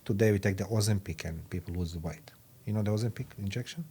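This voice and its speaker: A man in his fifties with a low-pitched voice hosts a podcast interview. He rambles a little and keeps coming back to stock phrases. When a point matters to him he gets loud and forceful. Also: fast, breathy edge. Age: 50s. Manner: rambling, repeats "you know what I mean", non-native phrasing. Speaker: podcast host. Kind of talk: conversational interview.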